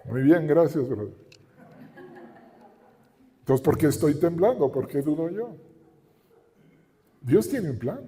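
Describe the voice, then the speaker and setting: Slow, mellow-voiced Mexican preacher. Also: male voice, fairly high pitch, expressive. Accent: Mexican Spanish. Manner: emphatic preaching with repeated phrases and rhetorical questions. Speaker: pastor. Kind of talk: sermon. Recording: reverberant hall.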